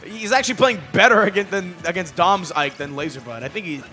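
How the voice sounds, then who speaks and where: An excitable male esports commentator calls the match live, cursing casually and exploding at big moments. His voice is bright and edgy and sits a touch high, with faint music underneath. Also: brisk. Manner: excitable, swears, loud outbursts at big plays.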